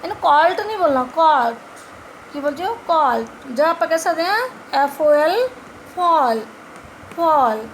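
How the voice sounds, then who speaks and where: Lady teacher, high voice, spells out words slow for kids, bit of faint hiss behind. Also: lively intonation, poor audio. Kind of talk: classroom vocabulary lesson.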